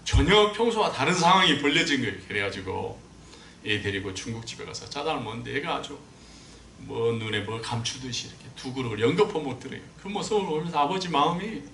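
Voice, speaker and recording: A man preaching a sermon as a pastor, telling stories with animated swings and climbing high when he quotes people. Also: fairly quick, gravelly, slight background noise. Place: church sanctuary. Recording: echoey church room, mic at a distance.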